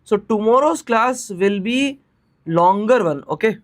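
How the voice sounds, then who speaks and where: Man, Indian accent, high-pitched voice, live exam-class teacher, informal, repetitive, question-led explaining. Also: lively intonation, a little slow. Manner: conversational, repeats phrases and asks check questions.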